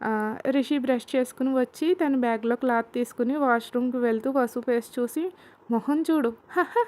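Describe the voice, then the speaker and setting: Young woman storytelling, chatty and casual, high voice. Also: normal speed, darkish tone. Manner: chatty, with fillers and restarts. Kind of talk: casual storytelling of a fan-made romance.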